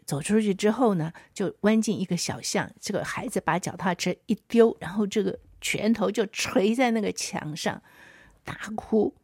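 A woman podcast host, telling a story in an earnest, reflective way with soft trailing asides. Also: lowish voice, no room sound, clean studio sound. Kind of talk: storytelling monologue.

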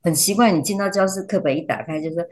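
Woman, low voice, animated storyteller, casual podcast chat. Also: quick pace. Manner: animated storyteller, acts out quotes. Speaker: teacher guest.

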